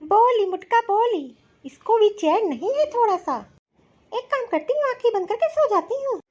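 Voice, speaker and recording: Lady playing a whiny lazy young daughter-in-law, squeaky super high voice, muffled lo-fi audio. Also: lively intonation, normal speed, a little mellow. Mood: grumbling. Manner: whiny, complaining. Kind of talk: cartoon voice acting.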